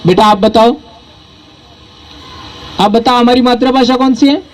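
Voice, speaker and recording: This is a rousing public speech by a community speaker, a man from southern Rajasthan, India, who grew up speaking Bhili. On a stage at a public event, he talks in a high voice with a steady tone and an unhurried delivery, emphatically quizzing the crowd with rhetorical questions. The audio is poor.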